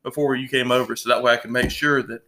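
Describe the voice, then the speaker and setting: Bright-voiced joking man, podcast co-host. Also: medium pitch, fairly even intonation. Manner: joking, drawn-out storytelling with frequent laughs. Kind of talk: casual chat. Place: home, at his own home bar.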